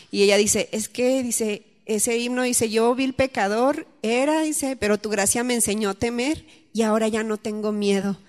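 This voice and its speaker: A woman giving a church talk and prayer, telling stories in an animated way and acting out what people said. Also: medium pitch, in a large hall. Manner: animated storytelling, acts out quotes. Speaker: church teacher.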